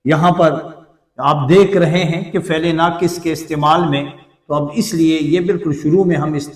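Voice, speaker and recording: A male teacher with an Urdu accent who explains slowly, repeating words to show their pronunciation in a classroom lesson. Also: a little high, fairly even intonation, reverberant, far from the mic. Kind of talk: slow blackboard lesson.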